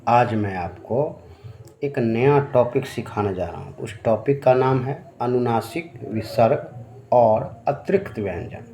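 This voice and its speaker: Slow, patient Hindi grammar teacher man. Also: medium pitch, warm tone, a little hiss or hum. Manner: slow, patient, checks in with "है ना?" and fillers. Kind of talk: classroom lesson explaining at a board.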